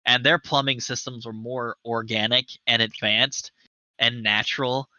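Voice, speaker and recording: In his thirties, this show host runs a livestream chat, talking eagerly and at length, rambling with fillers and swearing for emphasis. His medium-pitched voice is bright and forceful, though flat in delivery and a little slow. The webcast audio is dry and slightly dull, with no echo.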